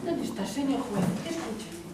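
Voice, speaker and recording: A woman on an amateur stage playing a fiery, indignant wife who wants rid of her husband, loud and mocking. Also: sits high, expressive, moderate pace. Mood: suspicious. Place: community centre stage. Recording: echoey stage from far off, noisy.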